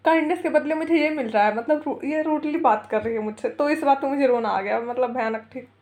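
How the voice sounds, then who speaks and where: A woman's voice: high-pitched, fairly quick, darkish tone. A young woman vlogger telling a heated personal story in a casual, rambling way, mixing English phrases into her talk and laughing often. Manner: chatty, rambling, mixes English into Hindi.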